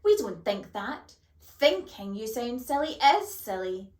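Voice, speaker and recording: A woman voicing a theatrical, excitable young fairy boy who gushes loudly in a storybook reading. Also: a little high, slow pace. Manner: theatrical, gushing. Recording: roomy echo.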